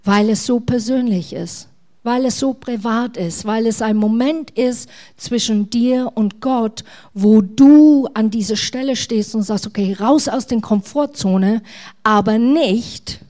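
A middle-aged woman pastor, preaching a sermon in a warm, conversational way. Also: a little high, slow.

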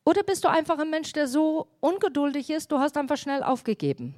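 A woman pastor delivers a sermon in a fairly high voice. She talks straight to her listeners and keeps asking them questions. Her delivery is emphatic, and her loudness rises and falls. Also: expressive, a little fast. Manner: addresses the congregation directly with questions.

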